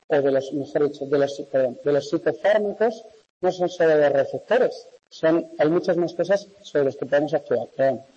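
Long, echoing reverb surrounds a man from Spain with a Spanish accent as he lectures. His voice is high and somewhat mellow. He talks conversationally to his class, often checking that they understand. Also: husky. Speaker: university lecturer. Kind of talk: interactive lecture to class and remote students. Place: large echoey classroom. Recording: echoey classroom, long reverb, dull sound.

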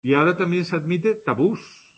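A Spanish teacher from Spain runs a grammar lesson, speaking in a high, animated, slightly bright and faintly rough voice at a moderate pace. He offers example after example and keeps checking in with the class by asking "¿de acuerdo?"

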